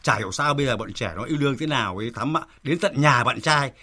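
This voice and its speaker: A middle-aged man hosting a radio talk show, animated and theatrical, at times reciting poetry. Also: medium pitch, quick pace, a crowd in the background. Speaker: radio host.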